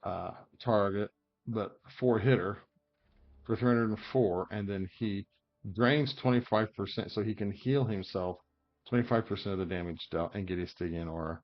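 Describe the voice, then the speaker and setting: A man's voice: on the low side, normal speed, highs cut off. A man talking casually through character builds in a game, thinking aloud with lots of fillers and hiccups. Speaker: game guide creator. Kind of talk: casual gameplay commentary.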